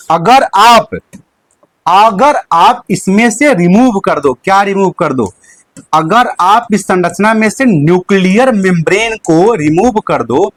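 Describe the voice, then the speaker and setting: A young male teacher gives a live online lesson. His voice sits high and swings widely up and down. He poses questions, answers them himself, and repeats each key term, all in a dry, close room. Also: no echo. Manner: uses a handkerchief as a prop.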